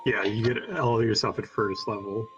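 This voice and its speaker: A man's voice: fairly low pitch, steady tone, moderate pace, dull audio. A man talking casually with a group of friends. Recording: music playing behind the voice. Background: music.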